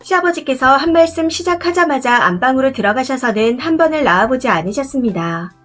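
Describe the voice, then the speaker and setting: A woman reading a first-person family story as scripted narration, in a steady, confiding way. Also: sits high, brisk, faint music behind.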